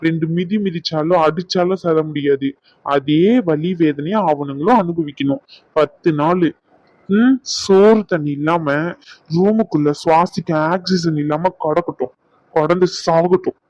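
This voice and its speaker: A man voicing a vengeful doctor, raised pitch. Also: measured pace, darkish tone, dry recording, close to an everyday voice, low-quality recording. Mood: defiant. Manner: defiant, cold, insistent. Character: vengeful young doctor, stubborn and angry. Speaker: voice actor. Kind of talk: cartoon dub acting.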